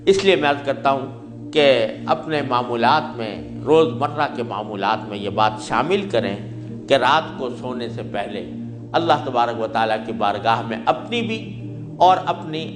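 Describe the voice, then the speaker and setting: A man's voice: medium pitch, animated. A man giving a sermon in an earnest, exhorting manner, reciting verse and prayers between his explanations. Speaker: religious speaker. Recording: echoey room with music behind.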